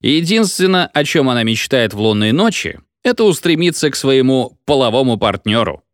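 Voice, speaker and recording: A man's voice: mid-range voice, big pitch swings, normal speed, no room sound, studio quality, natural voice. A man voicing a drunken, pompous village medic who lectures in a rambling, hiccuping sing-song. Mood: tipsy lecturing.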